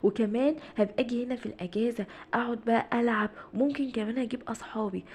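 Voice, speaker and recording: A mischievous cartoon boy, played by a woman who loves pranks, speaking with an Egyptian accent. His voice is high and teasing, and he chatters along quickly. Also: steady tone, darkish tone, close to an everyday voice. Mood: scheming. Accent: Egyptian Arabic. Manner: playful, teasing. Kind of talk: cartoon voice acting.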